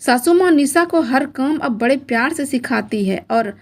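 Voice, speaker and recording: A woman storyteller giving scripted narration of a family tale in a steady, explanatory way. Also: high-pitched, moderate pace.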